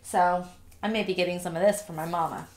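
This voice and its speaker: A woman's voice: on the low side, fairly even intonation, brisk, darkish tone. A young woman with a stuffy nose from allergies, chatting upbeat through a casual haul video at home. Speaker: vlogger. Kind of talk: casual unboxing haul vlog. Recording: echoey room.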